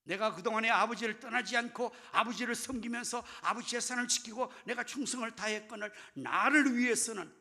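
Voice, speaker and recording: A man puts on a resentful grown elder son, loud and indignant, pushing his voice far up in a high, strained cry of grievance. The voice is sharp and gravelly with a husky edge. It sits in a retold sermon story. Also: fairly quick, few pauses, heavily acted. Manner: loud, high-pitched complaining outburst.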